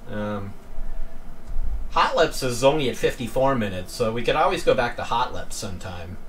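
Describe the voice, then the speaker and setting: A man's voice: mid-range voice, lively intonation, moderate pace, fairly bright tone. A middle-aged man live-streaming a game from home, chatting casually and self-deprecatingly with his viewers. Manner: rambling, self-deprecating, joking with chat. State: winded from climbing stairs. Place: home room. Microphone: headphones with desk mic, off-mic at times. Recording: voice sometimes distant from mic, faint room noise.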